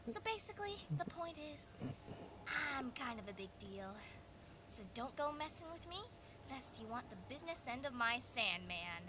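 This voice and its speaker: A woman's voice: high voice, sing-song, moderate pace, heavy background noise. A woman voicing a brash, boastful female pegasus pony who brags and threatens playfully. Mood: cocky.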